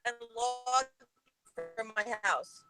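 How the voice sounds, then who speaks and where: Lady on her phone in the car, call dropping out, choppy broken-up voice, kinda high. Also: pushed and bright, soft background music. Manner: halting, fragmented speech. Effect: call dropping out, voice breaking up. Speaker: panel guest. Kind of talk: casual chat on a video call. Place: inside a parked car. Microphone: phone on mobile data.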